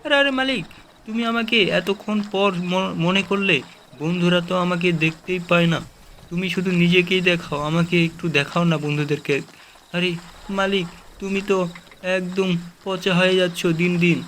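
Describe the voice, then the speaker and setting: A man's voice: high-pitched, fairly even intonation, moderate pace, fairly bright tone, a little hiss or hum. A man voicing a small, clingy pet cat in a video game, whining and pleading with its owner. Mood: complaining.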